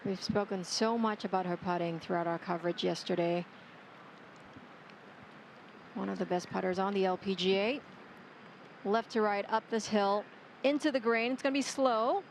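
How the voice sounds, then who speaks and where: A woman's voice: mid-range voice, steady tone, normal speed, pauses often, slight background noise, poor audio. A woman giving live golf analysis as a co-commentator.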